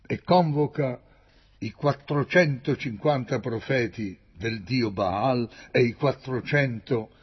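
Man voicing a stern old prophet, declamatory, husky, dull lo-fi sound. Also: lowish voice. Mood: rebuking. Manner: declamatory, rising to loud emphatic peaks. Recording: dull lo-fi recording.

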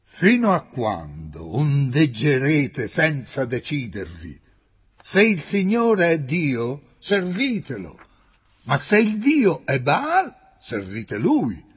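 A man voicing a stern, commanding old male prophet in a read-aloud Bible story, declaiming with loud emphatic peaks. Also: medium pitch, lively intonation, slow pace, breathy edge. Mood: proclaiming. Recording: dull lo-fi recording.

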